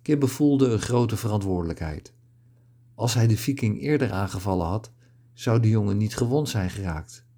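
A man calmly narrating a historical adventure story in a steady, scripted reading. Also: on the low side, moderate pace, slightly rough.

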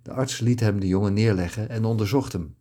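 Low mellow male storyteller. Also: fairly quick. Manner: calm, steady storytelling. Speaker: narrator. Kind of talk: scripted story narration.

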